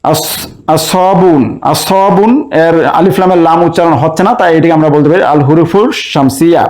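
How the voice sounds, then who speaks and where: A man's voice: on the high side, steady tone, fast, darkish tone. A man teaching a recorded language lesson, going through each example methodically and repeating the same explanation, with some hesitations. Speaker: Arabic teacher.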